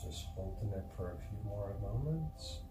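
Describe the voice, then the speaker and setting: In a roomy, echoing space, a man with a lowish voice gives calm stretching instructions. He coaches gently and without hurry. The mic sits at a distance, with clear noise behind him. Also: normal speed, over music. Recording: echoey room, distant mic, noisy background.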